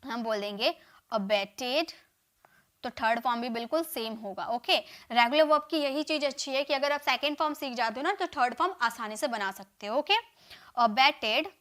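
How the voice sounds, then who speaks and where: High-voiced woman teaching English live. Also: fairly bright tone. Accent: Indian English. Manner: drills word forms aloud, repeats each word, urges viewers to comment and share. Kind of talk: live online class.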